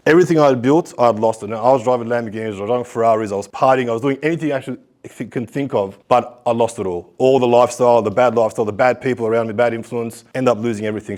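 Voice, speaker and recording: A man's voice: mid-range voice, darkish tone. A middle-aged man giving a motivational talk to school students, telling his life story and acting out the conversations in it. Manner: storytelling, acts out dialogue. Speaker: guest speaker. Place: school hall.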